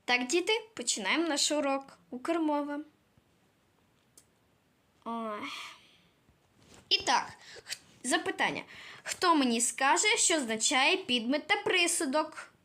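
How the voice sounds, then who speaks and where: Casting: a boy doing a bossy lady schoolteacher, high-pitched, quizzing and grading the class. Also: expressive, measured pace, long pauses, pushed and bright, heavily acted. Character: strict female schoolteacher running a class.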